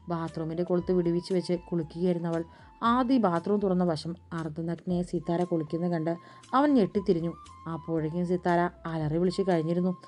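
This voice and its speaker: Woman narrating a romance, low voice. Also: darkish tone. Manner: acts out dialogue with raised pitch and force. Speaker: storyteller. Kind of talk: scripted narration of a romance audiobook.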